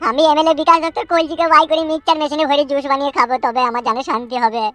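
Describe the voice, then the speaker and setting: A woman's voice: high-pitched, flat delivery, racing, a bit bright, soft background music, voice pushed down. A woman voicing a hot-headed young man who swears and vows revenge, in a comedy cartoon. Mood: tearful, vengeful. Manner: fierce, swearing threats.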